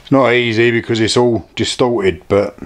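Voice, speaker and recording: A British man talks through a hands-on demonstration as the host of a hobby video. His delivery is informal and low-key, with plain, unpolished phrasing and an average male pitch. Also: steady tone, moderate pace.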